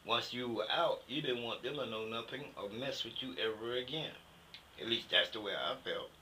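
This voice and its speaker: Bright, forceful older American veteran remembering. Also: male voice, mid-range voice, moderate pace, rough recording. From United States. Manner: old veteran remembering, blunt and opinionated; colloquial, emphatic, punctuated with "you know". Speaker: interviewee, Vietnam War veteran. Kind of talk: conversational interview, recollecting. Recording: faint background noise.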